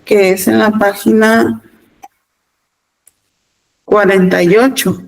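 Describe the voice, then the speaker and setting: A Mexican woman teacher giving a virtual class, talking deliberately and often repeating words and pausing with fillers. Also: medium pitch, fairly even intonation, creaky, low-quality recording. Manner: deliberate, repeats words, fills pauses with "este". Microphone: video call.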